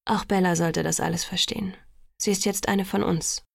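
Woman reading as a calm, reserved male vampire. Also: lowish voice, moderate pace, gravelly, no room sound, clean studio sound. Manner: calm, quiet. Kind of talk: audiobook reading.

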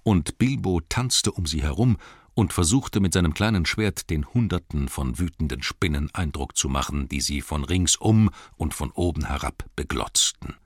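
A man narrating a storybook in an expressive, lively way, with asides to his listeners. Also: extremely low pitch, moderate pace, breathy edge, dry recording, clean studio sound. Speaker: audiobook narrator.

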